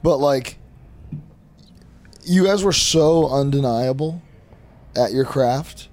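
A man's voice: medium pitch, slow pace, darkish tone. A man in his early thirties co-hosting a podcast, bantering and hyping his guest in casual chat. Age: early 30s. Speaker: podcast co-host.

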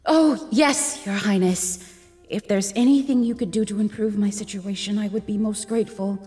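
An actress voicing a goddess in disguise as a humble young hairdresser, ingratiating and pleading in a podcast audio drama. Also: female voice, mid-range voice, moderate pace, warm tone, big-room sound, soft background music, natural voice.

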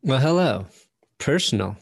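A man who hosts a sports show, reading an ad's legal disclaimer in quick, clipped phrases. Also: mid-range voice, big pitch swings, gravelly, slightly rough, dry recording. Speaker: sports talk show host. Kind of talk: sponsor ad read ending in legal disclaimer.

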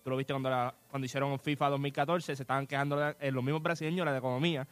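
A man with a Puerto Rican accent co-hosting a sports talk show, arguing his point rapidly. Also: mid-range voice, fairly even intonation, clean tone. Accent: Puerto Rican Spanish. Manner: rapid, argumentative.

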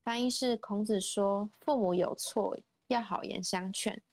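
A female co-host reads a classical passage and its translation aloud. She recites slowly and carefully, line by line. The sound is dry and close. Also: medium pitch, a little mellow, no echo. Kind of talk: reading a classical text aloud.

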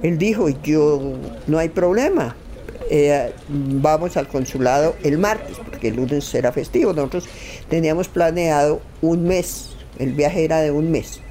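An interview guest, a middle-aged woman, shares a personal travel story in an informal, emphatic manner and acts out the conversations she recalls. Her low voice is mellow and unhurried, with slight background noise behind it.

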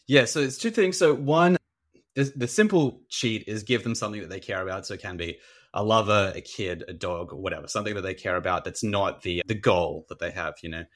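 A man's voice: fairly low pitch, brisk, a bit bright. A man, talking casually and animatedly as an author guest in an interview, with many filler words.

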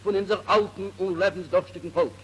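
Male speaker on an old newsreel, high and impassioned, hall echo over a faint hum. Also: fairly even intonation, fast talker, husky. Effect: old newsreel sound. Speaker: speaker at a rally. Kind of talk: impassioned public speech.

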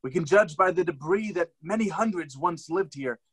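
A man's voice: a little high, expressive, moderate pace, a bit bright, husky. A man playing an earnest questing hero who speaks in mock-formal tones that slip into plain talk.

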